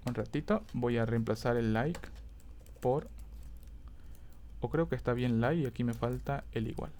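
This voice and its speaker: Here a man with a medium-pitched voice and moderate pace explains a database lesson on a screen recording. He works through it step by step, reasoning aloud, fixing his own slips and often asking whether students keep up.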